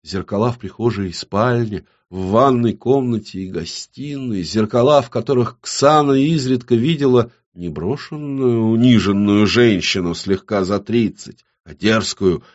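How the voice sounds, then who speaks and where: A man narrating an audiobook in a measured, intimate storytelling manner. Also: fairly low pitch, muffled recording.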